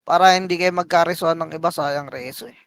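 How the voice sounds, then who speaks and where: A man calling shots for his team in live game voice chat, barking rapid commands and countdowns and swearing. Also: a little high, fairly even intonation, fairly bright tone, dry recording. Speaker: team shotcaller.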